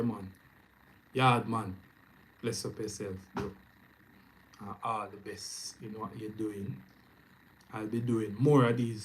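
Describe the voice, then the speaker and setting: A Jamaican man talking casually to his camera, his voice at an ordinary middle pitch. He chats loosely and upbeat, piling on greetings and shout-outs. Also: slight background noise, poor audio. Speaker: YouTube trading streamer. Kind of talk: casual live stream chat. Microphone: camera mic, speaking to camera.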